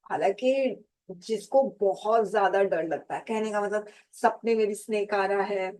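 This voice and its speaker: A woman teaching a vocabulary lesson to exam students, speaking slowly and deliberately, spelling out and repeating each term. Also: medium pitch, a little mellow, poor audio. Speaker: English teacher for competitive exams. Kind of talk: slow classroom lecture, mixing Hindi and English.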